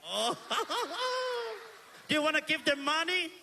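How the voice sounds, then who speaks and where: A man with a Samoan accent emceeing a live evening stage show, energetic and calling out to the crowd while switching between Samoan and English on a handheld microphone. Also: very high-pitched, slow, creaky, background noise. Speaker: master of ceremonies.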